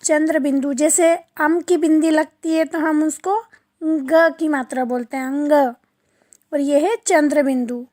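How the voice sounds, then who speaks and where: A woman's voice: high voice, steady tone, darkish tone, dry recording, clean studio sound. A woman teaching young children a lesson, drawing out each syllable and asking questions she then answers herself. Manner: slow, drawn-out syllable-by-syllable pronunciation; asks the class questions and answers them herself. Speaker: primary school teacher. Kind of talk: online class lesson.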